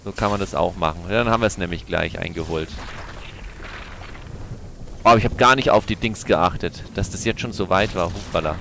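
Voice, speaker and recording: Deep gravelly man with noisy gaming commentary. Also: fairly quick, pauses often, sharp tone. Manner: chatty, talks to himself and viewers, frequent exclamations and swearing. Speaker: gaming YouTuber. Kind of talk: let's play commentary.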